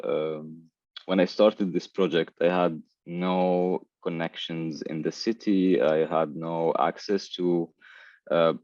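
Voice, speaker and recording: A very deep-voiced man joins a panel over a video call. He talks in a friendly way but hesitates often with fillers. The audio is dull, lo-fi and bone-dry. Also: darkish tone, no echo. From Syria. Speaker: panel guest, project founder. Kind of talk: casual panel talk.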